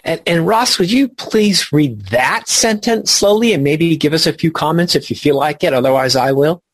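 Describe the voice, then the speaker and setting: A man leading a spiritual study group, teaching in a slow, reflective and emphatic way. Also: fairly high pitch, no room sound.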